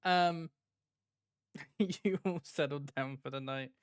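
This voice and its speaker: A game master running a tabletop game, easygoing and quick to laugh. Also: medium pitch, clear, resonant tone, dry recording, clean studio sound.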